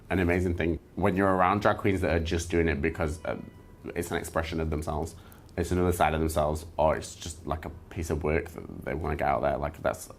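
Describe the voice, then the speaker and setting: Male, deep voice; chatty comedian giving an informal, anecdotal interview. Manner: chatty, informal, self-deprecating humour. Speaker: interview guest, drag performer and comedian. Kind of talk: casual interview chat with anecdotes.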